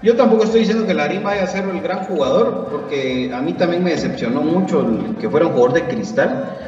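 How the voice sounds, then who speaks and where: A man talks football in a relaxed podcast chat, laying out rules firmly and repeating his points. His fairly high voice sounds distant in a reverberant room. The audio is dull, with faint music underneath. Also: brisk. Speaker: podcast co-host. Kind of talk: casual sports chat.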